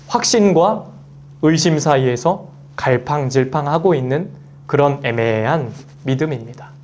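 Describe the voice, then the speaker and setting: Male pastor, sermon delivery, somewhat high pitch, animated when voicing quotes. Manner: animated, acts out quoted pleas in a raised voice.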